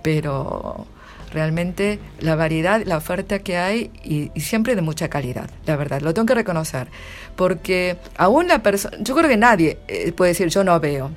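A middle-aged literary translator with an Argentine Spanish accent chats through casual interview answers, often restarting and laughing. Her lowish voice is expressive and moves at a normal speed, with soft music in the background.

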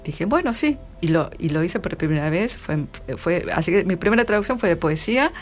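In a casual interview, a middle-aged woman with an Argentine Spanish accent talks about her work as a literary translator, laughing a lot and restarting many times. She sounds animated and a little fast in a lowish voice, with soft background music.

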